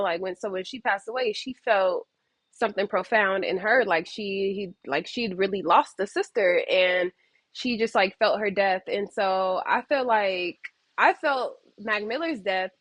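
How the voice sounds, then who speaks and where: Chatty young SoCal woman, dry close sound. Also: no room sound. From Southern California. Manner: meandering, heavy use of "like", sudden excited jumps in pitch. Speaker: vlogger. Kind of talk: casual reflective monologue. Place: a friend's home, indoors.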